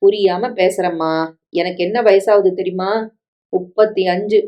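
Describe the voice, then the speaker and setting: Lady reading as a doubtful 35-year-old son, hesitant, soft protests, muffled lo-fi sound. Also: mid-range voice, fairly even intonation, normal speed, lightly acted. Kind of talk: story reading with dialogue.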